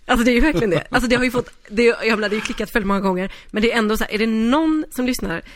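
A podcast co-host in casual chat, telling stories in an animated, rambling way full of fillers. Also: medium pitch, slight background noise.

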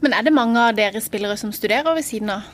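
A woman co-hosting a podcast, asking quick, playful questions. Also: on the high side. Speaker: podcast co-host. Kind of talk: casual interview chat.

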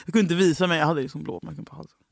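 A young man co-hosting a podcast, telling a personal story in a candid, halting way. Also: on the high side, steady tone, creaky, no room sound, clean studio sound. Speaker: podcast co-host. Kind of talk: casual chat.

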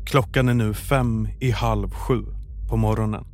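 Man, true crime narrator, scripted, calm and measured. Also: on the low side, soft background music.

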